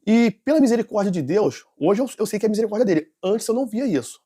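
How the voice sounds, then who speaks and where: Brief: nervous man, high husky voice, rushed testimony with restarts. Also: expressive, mellow. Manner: rambling, with restarts and self-corrections. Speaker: interview guest giving a testimony. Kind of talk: personal testimony storytelling.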